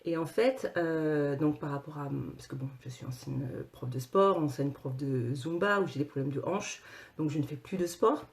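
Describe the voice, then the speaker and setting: A woman coach talking casually to her viewers, animated, with many repeated words and restarts. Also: sits low, normal speed, gravelly. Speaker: personal coach and author.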